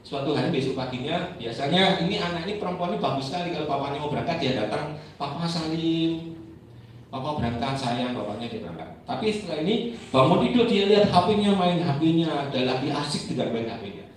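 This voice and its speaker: Animated male preacher in an echoey church. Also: fairly high pitch, fast, slight background noise. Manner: animated preaching, acting out church members and children in raised voices. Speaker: pastor. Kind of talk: sermon. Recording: echoey church hall, mic at a distance.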